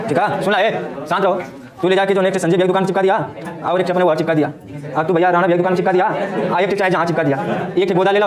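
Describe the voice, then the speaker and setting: A male teacher, quizzing pupils and hushing a noisy classroom. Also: high-pitched. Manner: quizzing pupils with call-and-response questions. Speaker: coaching teacher. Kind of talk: classroom lecture. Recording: echoey classroom with chattering kids.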